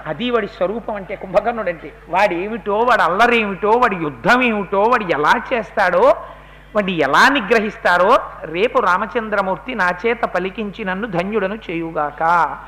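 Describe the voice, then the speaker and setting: A man's voice: sits high, moderate pace, bright, forceful tone, low-quality recording. A man giving a devotional sermon, telling a sacred epic dramatically, acting out quotes and moving into chant. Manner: dramatic storyteller, acts out quotes, breaks into chant. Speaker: religious discourse speaker.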